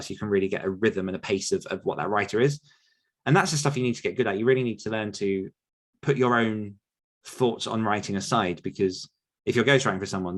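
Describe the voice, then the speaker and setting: Answering listener questions on a casual podcast, a man with an English accent and a fairly low voice rambles along, filling his talk with fillers and frequent restarts.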